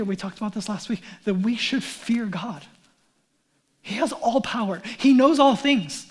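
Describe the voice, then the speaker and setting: Earnest high-voiced male pastor preaching. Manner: earnest, conversational, drops to a hush for emphasis; casual asides with fillers like "like". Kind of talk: sermon.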